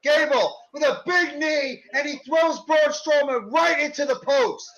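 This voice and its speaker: High-pitched excited male wrestling commentator. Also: a little slow. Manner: excited, exclaiming, shouting at big moves. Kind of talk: wrestling commentator calling live play-by-play. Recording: dull lo-fi online stream audio.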